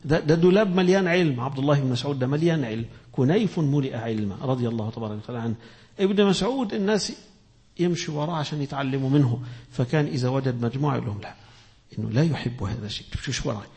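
A man's voice: medium pitch, racing, a little mellow. A man with an Egyptian Arabic accent giving a sermon, switching between classical and colloquial Arabic and acting out the people he quotes. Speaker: Islamic preacher.

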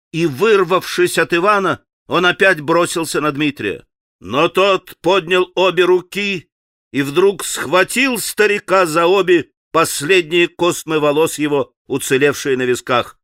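A man reading a classic novel aloud as an audiobook narrator, in a dramatic, expressive manner. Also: fairly high pitch, no echo, studio quality. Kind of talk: scripted literary narration.

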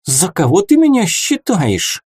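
A man reading an audiobook and voicing a chattering, cheeky female fairy who talks fast and excitably. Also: dry recording. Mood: excited chatter. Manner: rapid, excitable, squeaky.

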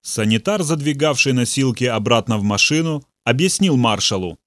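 A man narrating an audiobook in a measured, steady storytelling voice. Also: medium pitch, no room sound, studio quality. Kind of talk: audiobook reading.

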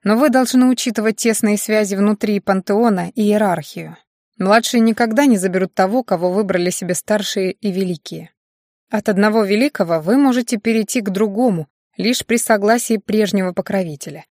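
A woman voicing a dignified, weary male magister who lectures his students in a measured way. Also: medium pitch, darkish tone, no room sound, studio quality, lightly acted.

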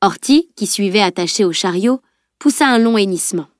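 A woman narrating an audiobook novel with a steady, even reading. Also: medium pitch, a little fast, dry recording, clean studio sound. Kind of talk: scripted narration.

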